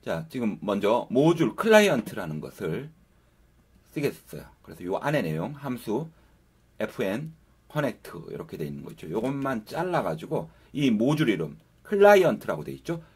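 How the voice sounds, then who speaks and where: A man's voice: lowish voice, big pitch swings, normal speed, husky. A man giving a casual, step-by-step coding tutorial over a screen recording, talking viewers through each step. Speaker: programming instructor.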